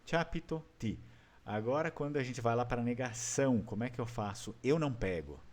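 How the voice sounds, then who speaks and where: A man's voice: mid-range voice, fairly quick, darkish tone. A man with a Brazilian Portuguese accent teaching an online class, patiently explaining step by step and quizzing his students. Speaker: language teacher.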